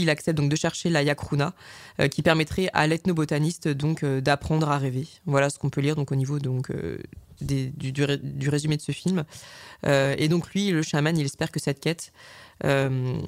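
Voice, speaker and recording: A man with a fairly high voice presents a film segment on a radio program. He talks in a flat, level tone and hesitates often, filling gaps with drawn-out sounds. The sound is close and dry. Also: no room sound. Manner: hesitant, many filler sounds and restarts.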